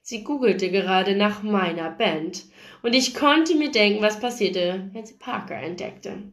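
A woman reading a first-person novel aloud in a lively, expressive storytelling manner. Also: mid-range voice, unhurried. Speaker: audiobook reader. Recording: roomy echo.

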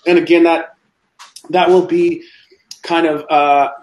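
A man's voice: a little high, level tone, slow pace, echoey room, low-quality recording. A man who designs tiny houses, reading out viewer questions and explaining answers in a live Q&A. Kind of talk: live Q&A chat.

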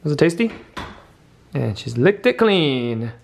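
A man's voice: a little high, very animated, measured pace, creaky, faint music behind. A young man chatting playfully to the camera as he vlogs at home in the kitchen. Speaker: vlogger. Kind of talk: casual home vlog.

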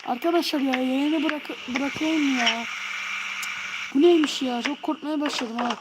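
A woman's voice: high-pitched, fairly even intonation, a little slow. Shrieking young Turkish woman gamer. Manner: jumpy, yelps and shrieks in fright. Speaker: livestreamer. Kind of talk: live gaming stream. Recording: loud background noise.

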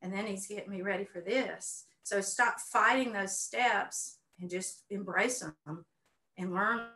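A mid-range, bright and forceful voice, slightly slow, belongs to a middle-aged woman who paints and teaches art. Appearing as a guest on a video call from home, she gives earnest, effusive personal testimony, frequently repeating phrases for emphasis, in roomy, echoey sound.

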